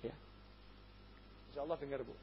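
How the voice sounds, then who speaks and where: A man giving a jokey religious lecture to a congregation, swinging between loud urging and quiet asides. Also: medium pitch, steady tone, normal speed, slight background noise. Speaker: preacher. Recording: dull lo-fi hall recording.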